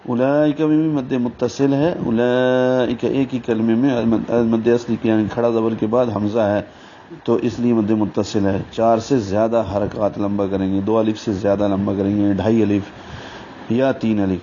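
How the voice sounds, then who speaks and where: A man teaching Quran recitation rules step by step, breaking into slow, drawn-out chanted recitation for each example. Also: on the low side, little pitch movement, warm tone. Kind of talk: tajweed lesson with recited examples. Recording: dull lo-fi recording with faint hiss.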